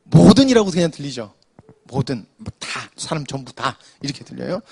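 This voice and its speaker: A man's voice: mid-range voice, big pitch swings, moderate pace, creaky, a little mellow, husky. A man preaching an afternoon church sermon, explaining scripture to the congregation and often restarting with "so" to move on. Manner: explanatory, addresses congregation with frequent "자".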